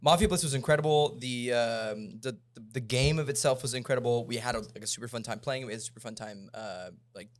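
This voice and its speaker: A man co-hosting a podcast in casual chat, excitable and rambling with lots of fillers. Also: mid-range voice, fast, few pauses. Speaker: podcast co-host.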